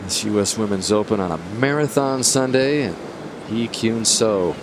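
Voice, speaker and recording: A man anchoring live television commentary on a golf tournament as a golf commentator. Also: normal speed. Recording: steady outdoor rumble behind voice.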